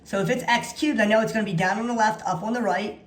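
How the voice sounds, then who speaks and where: A woman with a mid-range voice teaches math at a quick pace, walking through practice problems as instruction. She dictates notation piece by piece and repeats key phrases for emphasis, and the recording has echoey room sound.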